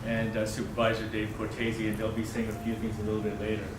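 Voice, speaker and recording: A man giving a welcome speech in front of an audience, speaking haltingly to the gathered crowd as one of the hosting partners. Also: lowish voice, completely flat delivery. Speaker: medical center partner giving opening speech. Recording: echoey, noisy venue, distant microphone.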